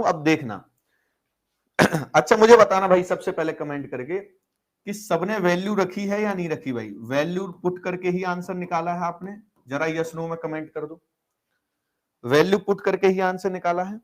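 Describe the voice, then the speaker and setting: A man teaching an algebra class online, working through problems step by step, asking rhetorical questions and urging students to reply. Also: high-pitched. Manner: coaxing, keeps calling students brother and asking them to reply. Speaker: maths teacher.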